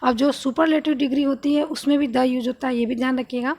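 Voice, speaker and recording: A woman's voice: sits high, fairly even intonation, fast, darkish tone. A woman teacher patiently explaining a grammar lesson, often asking her students questions and answering them herself.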